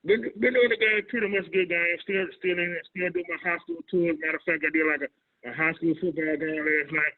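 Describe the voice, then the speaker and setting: A man's voice: on the high side, steady tone, a little fast. A man in his forties, a radio DJ chatting on a video call, his voice hollow and muffled as if he were talking into a trash can. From Houston, Texas. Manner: laid-back, rambling, many fillers and restarts. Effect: hollow, muffled sound as if talking into a trash can. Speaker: radio DJ and record promoter. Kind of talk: casual panel chat on a video call. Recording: tinny phone-like call audio.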